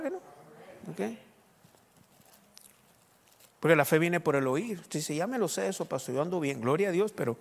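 A man with a Sonoran Mexican accent, a pastor preaching a sermon with lively asides and jokes to his congregation. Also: fairly high pitch, long reverb tail. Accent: Sonoran Mexican Spanish. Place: church.

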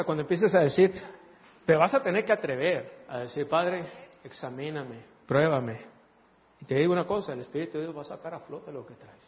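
A man's voice: fairly high pitch, in a large hall, muffled recording. A man preaching a humorous sermon, laughing often and acting out voices.

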